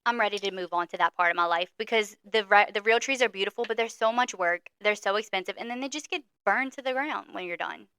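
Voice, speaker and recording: A young woman co-hosts a podcast in easygoing conversation and breaks into giggles often. Her voice sounds bright and forward, and the recording is dry with almost no room sound. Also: mid-range voice, clear, resonant tone, no room sound. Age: young adult. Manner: giggly, quick to laugh. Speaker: podcast co-host. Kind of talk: casual chat.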